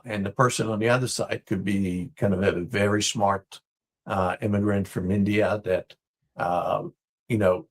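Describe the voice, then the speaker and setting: Man from Israel, lower voice, husky, measured interview answers. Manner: thoughtful, measured, with many fillers. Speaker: business guest.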